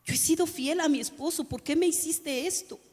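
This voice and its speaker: A woman's voice: high-pitched, fairly quick, darkish tone, big-room sound. A woman pastor preaching a sermon, addressing the congregation and asking them rhetorical questions. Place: church hall.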